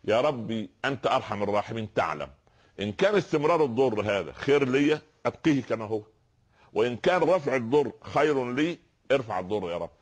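A man with an Egyptian accent preaching a sermon, telling stories and posing rhetorical questions to his listeners. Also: mid-range voice. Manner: fast, animated storytelling preacher with rhetorical questions.

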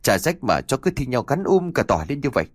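A man voicing a hot-headed young village man who swears and shouts angrily in a horror audiobook. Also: medium pitch, sing-song, fast, no room sound, studio quality, pitched above the performer's own voice. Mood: angry.

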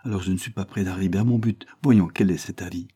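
A man voicing a frightened young man on the run, talking in an agitated, pleading, high-strung way. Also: quick pace, dark tone, slightly rough. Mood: anxious.

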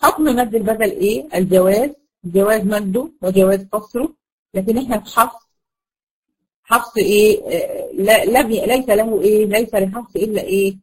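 A woman's voice: mid-range voice, brisk, darkish tone, low-quality recording. Egyptian woman, tajweed teacher; patient, asks the class questions and answers them herself; stretches out example words. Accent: Egyptian Arabic. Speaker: Quran recitation teacher. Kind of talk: online tajweed lesson to a class of girls.

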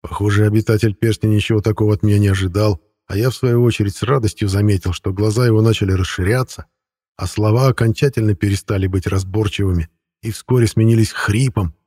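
A man's voice: on the low side, fairly even intonation, quick pace, mellow, husky, no echo, clean studio sound. A man narrating a first-person audiobook in a wry, conversational storytelling manner.

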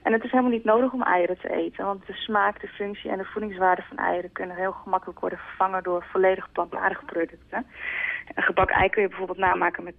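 A woman who speaks for an animal-rights group leaves a voicemail message, reading a prepared appeal in an earnest, steady way with small hesitations. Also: medium pitch, quick pace, creaky, phone-quality sound. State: leaving a voicemail message by phone.

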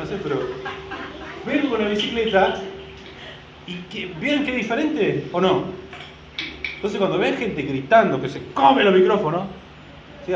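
A man's voice: sits high, echoey room, highs cut off, noisy background. A man preaching a sermon as pastor, in a conversational way, putting questions to the congregation and adding joking asides.

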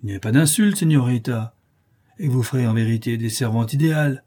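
A man's voice: mid-range voice, brisk, dark tone, close to an everyday voice. A man voicing a swaggering bandit chief who speaks with sneering, mock politeness.

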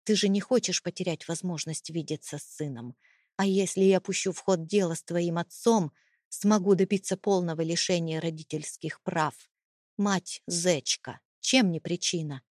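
A woman's voice: lowish voice, steady tone, normal speed, a little mellow, no echo, studio quality, lightly acted. A woman reading an audiobook, voicing a cold, contemptuous, domineering husband with a mocking, menacing manner. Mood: cold menace.

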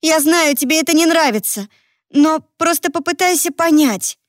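A woman's voice: high voice, normal speed, no echo, clean studio sound, pitched above the performer's own voice, natural voice. A woman voicing a resolute young daughter, earnest. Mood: urgent. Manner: earnest, pleading.

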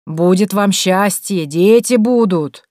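Showy fortune-teller, put on by a female narrator; loud, slow and sing-song. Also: mid-range voice, no echo, studio quality, lightly acted. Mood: theatrical. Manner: loud, drawn-out, theatrical. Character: woman posing as a gushing fortune-teller.

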